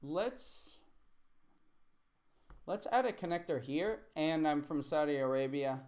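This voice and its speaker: A man's voice: on the high side, a little mellow. A man teaching English on a live stream, chatty and thinking aloud as he corrects a student's writing at his computer. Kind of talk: live-streamed online lesson.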